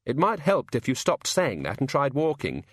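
A man voicing a cool, sensible young woman in a storybook reading, brisk and matter-of-fact. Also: mid-range voice, huge pitch swings, no echo, studio quality, voice pushed up.

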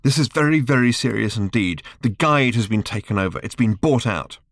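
A man's voice: mid-range voice, expressive, brisk, dry recording, clean studio sound, pitched above the performer's own voice. A man voicing Ford, an impatient, self-regarding alien man, in an audiobook reading. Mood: urgent. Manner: clipped, impatient, earnest. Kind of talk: audiobook character voice.

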